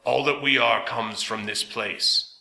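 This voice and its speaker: A man voicing a small talking sweeper machine that speaks in a grinding, metallic voice with slow, grave warnings. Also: mid-range voice, fairly even intonation, pushed and bright, roomy sound, exaggerated voice. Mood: solemn. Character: strange talking machine sweeper, solemn and ominous.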